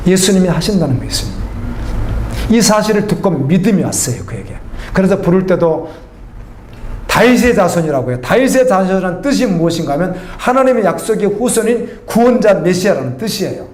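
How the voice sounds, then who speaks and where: Man, pastor, middle-aged, high voice, sermon, echoey church hall. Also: very animated, fairly quick, slight background noise. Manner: conversational preaching, asks the congregation questions.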